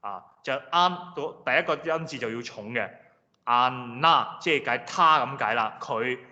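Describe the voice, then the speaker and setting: A man lecturing a class in a patient, explanatory way, slowly repeating example words. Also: mid-range voice, expressive, bright, forceful tone. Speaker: language lecturer. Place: lecture room. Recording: reverberant hall, dull lo-fi sound.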